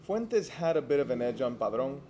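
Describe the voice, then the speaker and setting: A young man from Santiago co-hosts a casual chat and tells stories in an easy, rambling way, laughing and restarting his sentences. His voice sits at a medium pitch, and there is a faint hiss of noise behind him. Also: normal speed. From Santiago, Dominican Republic. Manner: relaxed storytelling with laughs and restarts. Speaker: co-host.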